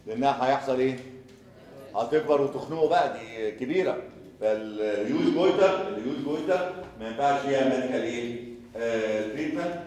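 A man's voice: mid-range voice, darkish tone, distant mic. Male surgery lecturer, Egyptian accent, repeats points and quizzes the class, very echoey hall. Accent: Egyptian Arabic. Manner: rapid, repetitive, quizzes students with rhetorical questions. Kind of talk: recorded lecture.

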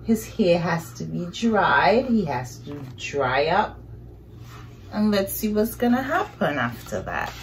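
This middle-aged woman has a fairly low voice with big pitch swings, and she speaks slowly. She's on a couch in a small indoor living room, expressively telling young children a picture-book story with improvised narration, questions and exclamations. Slight background noise can be heard.

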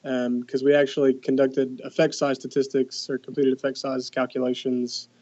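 A young man, appearing as a guest researcher, gives a casual expert explanation of his study's results, hesitant and full of "um"s and false starts. His medium-pitched voice barely moves in pitch, comes at normal speed, and sounds a little mellow over lo-fi audio.

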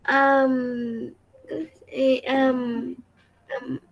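A woman's voice: high voice, flat delivery, extremely slow, dull audio. A woman student answering in an online class, hesitant and searching for words.

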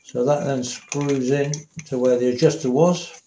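A man's voice: mid-range voice, fairly even intonation, measured pace, mellow, roomy sound, slight background noise. A man demonstrating a motorcycle repair in a workshop, chatty and correcting himself as he works. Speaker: motorcycle mechanic. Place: indoor workshop.

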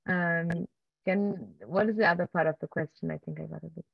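Her voice is on the low side, gravelly and husky, with no room sound. A filmmaker giving a keynote, she answers Q&A questions conversationally through a muffled laptop webcam from a wooden-beamed room at home, hesitating often, filling pauses, restarting sentences and laughing softly.

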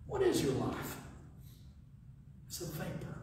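High-voiced preacher in his fifties. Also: takes it slowly, slight background noise. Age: 50s. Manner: animated, paces the platform and gestures; swings from quiet asides to sudden shouts. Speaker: guest pastor. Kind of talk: sermon. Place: wood-panelled church sanctuary, indoors. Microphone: far camera, no visible mic. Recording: echoey church hall from far off.

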